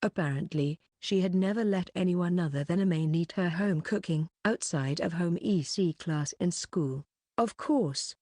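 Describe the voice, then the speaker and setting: A woman reading a light novel aloud in an even, unhurried storytelling manner, close to the mic. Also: lowish voice, dry recording. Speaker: audiobook reader.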